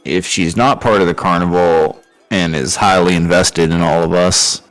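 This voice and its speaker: A man's voice: low voice, steady tone, moderate pace, soft background music, poor audio. A man chatting casually as a player in a tabletop role-playing game.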